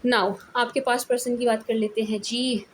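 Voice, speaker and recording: A talkative woman with an Indian accent reads tarot cards in a relaxed, conversational way, slipping English phrases into her speech. Her voice sits a little high. A faint hiss of noise runs under the recording. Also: normal speed. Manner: chatty, mixes English into Hindi, repeats "theek hai ji". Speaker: tarot reader. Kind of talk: casual tarot reading monologue.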